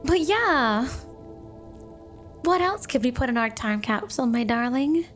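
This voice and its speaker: Over soft background music, a woman with a high-sitting, animated, slightly slow voice plays an obsessively devoted snow woman wife in a flirty ASMR roleplay. She gushes, coos and dotes dreamily, sweet but possessive, in a playful mood.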